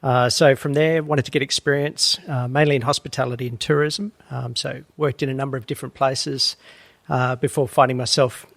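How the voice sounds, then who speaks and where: Gravelly Australian man, dry close sound. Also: mid-range voice, brisk, no echo. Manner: relaxed, storytelling, frequent ums and uhs. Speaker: guest, HR executive. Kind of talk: conversational podcast interview.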